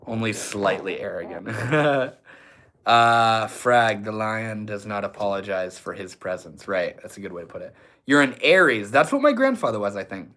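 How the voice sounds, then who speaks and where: A young livestreamer with a stuffy nose reads chat and talks with viewers in a laid-back way, swearing often. His voice is lowish, expressive and fairly bright, at a moderate pace.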